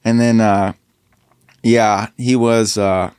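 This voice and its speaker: Smooth low-voiced hesitant young man. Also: level tone, takes it slowly, a little mellow, no room sound, studio quality. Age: young adult. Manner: hesitant, many fillers and restarts. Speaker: podcast guest, rapper. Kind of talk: casual interview chat. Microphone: podcast studio mic.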